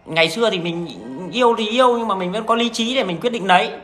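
A man's voice: high voice, quick pace, a bit bright, slight background noise. A man with a Northern Vietnamese accent, talking to his viewers in a blunt, crude, rambling monologue full of restarts. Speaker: vlogger addressing viewers.

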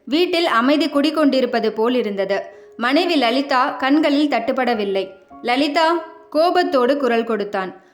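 A woman narrates a family short story in an expressive, dramatic reading style. Her voice sits high, and faint music plays softly underneath. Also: moderate pace.

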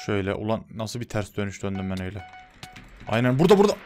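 A young man commentating his own Minecraft gameplay, excitable and quick to get annoyed at his teammates. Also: lowish voice, soft background music. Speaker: gaming YouTuber. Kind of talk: Minecraft let's-play commentary.

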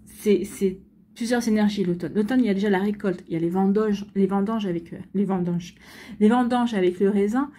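A woman's voice: mid-range voice, fairly quick, mellow. A woman giving a chatty weekly tarot reading for star signs, full of fillers, restarts and repeated phrases. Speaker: tarot reader. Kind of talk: weekly astrology card reading.

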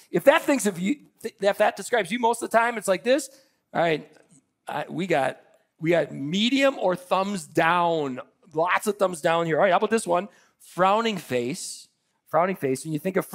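A man's voice: high voice, vocal fry. Upbeat pastor leading his congregation. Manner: upbeat, leads audience participation with laughs. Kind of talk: sermon. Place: church.

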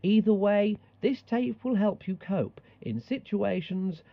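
A man's voice: sits high, slow pace, vocal fry, no room sound, narrow, tinny audio, full character voice. A man playing a bossy, exasperated language-tape instructor in scripted comedy narration. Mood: mock-solemn.

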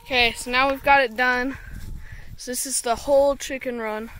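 A woman's voice: high-pitched, normal speed, a little hiss or hum. A woman narrating a casual farm vlog outdoors, explaining her projects as she works, recorded on a handheld phone. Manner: relaxed, explains while working. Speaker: vlogger.

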